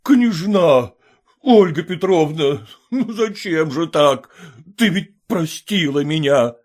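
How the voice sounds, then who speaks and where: A man's voice: mid-range voice, sing-song, takes it slowly, dark tone. An actor playing a sentimental, aging nobleman who speaks in a pleading, tearful, emotional way. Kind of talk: audiobook character reading.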